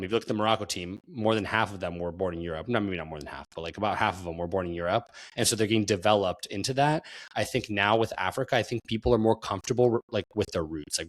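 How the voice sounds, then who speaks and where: A man's voice: sits low, a bit bright. A man co-hosting a soccer podcast, talking in a loose, rambling way and repeating words as he thinks. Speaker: podcast co-host. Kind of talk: casual chat.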